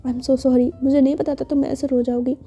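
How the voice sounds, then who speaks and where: A woman's voice: high voice, level tone, moderate pace, mellow, husky, soft background music. A woman voicing a caring young college woman who stammers through apologies and coaxes her friend to stop crying. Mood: apologetic, tender.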